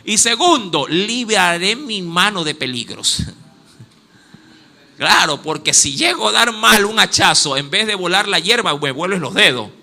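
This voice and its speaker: A man's voice: sits high, a little slow. A man with a coastal Ecuadorian accent preaching a sermon, calling listeners "my beloved" and stopping now and then to look up verses. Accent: Ecuadorian coastal (Guayaquil). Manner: animated preaching, addresses listeners as "mi amado"; acts out exclamations, stops to look up verses. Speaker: pastor.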